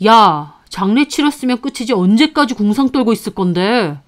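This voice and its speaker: A woman's voice: on the high side, expressive, moderate pace, lightly acted. A woman voicing a cold, dismissive husband who belittles his wife. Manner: curt and dismissive. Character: cold, belittling husband, young adult man.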